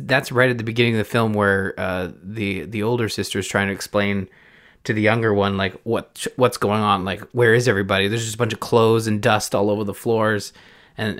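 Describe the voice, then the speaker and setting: A man's voice: lowish voice, fairly bright tone. A Canadian man hosting a film podcast, chatting casually with chuckles and many restarts. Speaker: podcast host.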